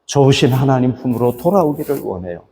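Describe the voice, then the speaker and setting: A man's voice: mid-range voice, animated, fast, warm tone, big-room sound. A male pastor preaching a sermon, asking rhetorical questions and rising for emphasis. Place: church hall.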